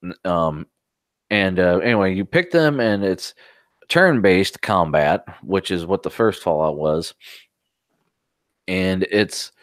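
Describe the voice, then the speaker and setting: A man's voice: sits low, expressive, slow pace, pauses often, dry recording, studio quality. A man co-hosting a tech podcast, chatting casually, rambling through stories and swearing now and then. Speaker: podcast co-host.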